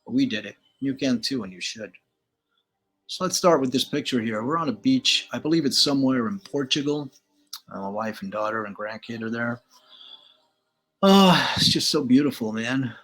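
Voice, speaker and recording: Older man from Galicia, husky voice, rambling opinionated chat, laid-back host. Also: mid-range voice, animated, normal speed, a bit bright. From Galicia, Spain. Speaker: channel host. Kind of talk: casual slideshow commentary.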